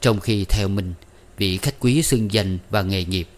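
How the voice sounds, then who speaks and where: A man narrating a novel in a measured storytelling manner. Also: low voice. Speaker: audiobook narrator. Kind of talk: scripted narration.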